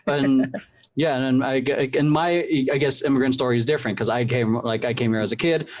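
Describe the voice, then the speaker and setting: A man's voice: mid-range voice, fairly even intonation, a little fast. A young man from the Philippines, co-hosting a casual group chat, often restarting his sentences. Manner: stammering restarts, jokey. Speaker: podcast co-host.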